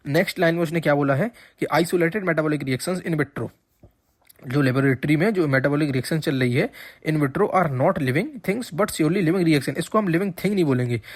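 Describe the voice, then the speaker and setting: A man gives an exam-prep lecture in a slightly high voice. He explains patiently, repeats the key points and keeps checking that students follow. The sound is dry and close to the mic. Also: no echo. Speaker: teacher.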